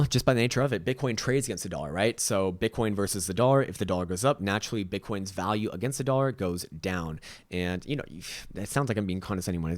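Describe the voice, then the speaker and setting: A man with a raspy, fairly low voice and a Latvian accent hosts casual chart commentary. He talks very quickly in an informal, self-deprecating way, recorded dry and close. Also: dry recording. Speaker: host, market analyst.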